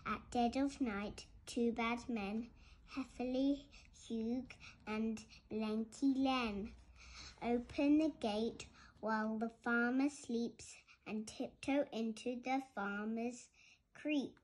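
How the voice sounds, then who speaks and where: Slow, expressive woman reading aloud. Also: a little high. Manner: expressive storytelling with animal noises, some stumbles and restarts. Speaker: teacher. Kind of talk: reading a picture book aloud at a school assembly.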